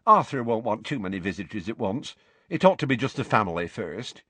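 A man voicing a considerate young witch who speaks calmly and matter-of-factly. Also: on the low side, a little fast, husky, no echo, full character voice.

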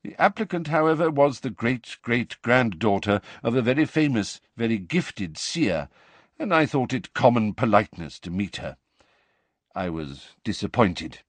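A man's voice: mid-range voice, expressive, no room sound. Dumbledore, a man doing a grave old wizard. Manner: measured, courteous, gentle. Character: old male wizard headmaster, calm and grave.

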